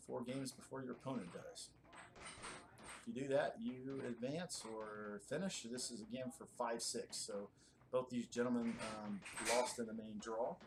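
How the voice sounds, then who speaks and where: Casual man commentating, noisy feed. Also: medium pitch. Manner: casual, chatty, many fillers. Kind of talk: live play-by-play commentary.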